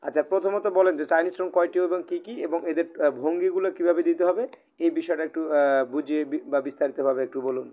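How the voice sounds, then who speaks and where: In this live online Chinese class and oral exam, the teacher is a man with a Bangladeshi Bengali accent whose voice is a little high, steady, fast and warm. He stays patient, repeating and rephrasing himself and using plenty of "ah" fillers.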